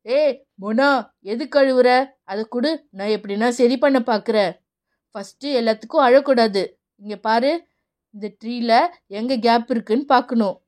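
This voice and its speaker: A woman voicing a calm, sensible young boy in a children's cartoon who explains things patiently. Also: fairly high pitch, moderate pace, pauses often, natural voice. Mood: reassuring.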